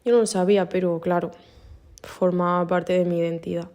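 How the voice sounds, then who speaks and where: A woman from Andalusia with an Andalusian accent, giving a calm, thoughtful personal testimony. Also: on the low side, moderate pace. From Andalusia, Spain.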